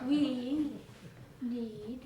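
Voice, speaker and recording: A woman's voice: high voice, full character voice. An actress playing a chatty, irreverent charwoman on stage, laughing often as she talks to a silent listener. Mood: fervent. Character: chatty middle-aged charwoman, cheeky and irreverent. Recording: echoey stage sound from far off, faint hiss.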